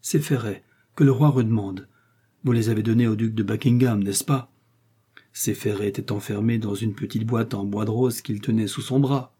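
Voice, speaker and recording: A man's voice: on the low side, fairly even intonation, moderate pace, warm tone, husky. A man reading an audiobook, voicing a loyal, devoted young woman servant in an earnest, reassuring way.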